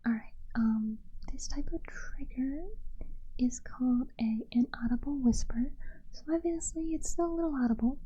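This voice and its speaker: A woman whispers in ASMR style, close to the mic and barely voiced. Her voice is high yet dark and husky, and her pace is slow. The recording sounds muffled and lo-fi. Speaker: ASMR creator.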